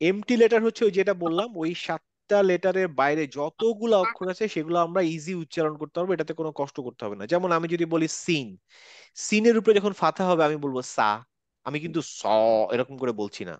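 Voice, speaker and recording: A man's voice: on the high side, fast talker, no echo. A man teaching a Quran recitation class online, explaining and repeating letter sounds patiently, mixing English words into his talk.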